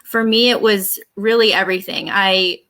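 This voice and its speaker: A woman in her thirties from the United States, a physician and life coach, answering interview questions in an earnest, reflective way with hesitant pauses. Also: mid-range voice, fairly even intonation, a bit bright.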